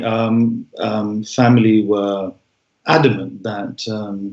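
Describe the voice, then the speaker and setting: A man's voice: lowish voice, a little mellow. Reflective man in an echoey room. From Bangladesh. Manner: reflective, frequent ums and restarts. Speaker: guest. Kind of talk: interview conversation. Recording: echoey room, dull sound.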